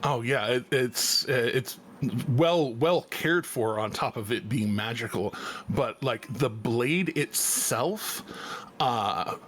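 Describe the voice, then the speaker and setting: A man narrating as game master, halting often with many fillers and restarts. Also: medium pitch, animated, fairly bright tone, slight background noise.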